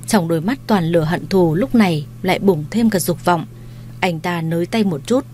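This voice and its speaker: A woman narrating a first-person dramatic story in a steady storytelling manner. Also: fairly low pitch, a little hiss or hum.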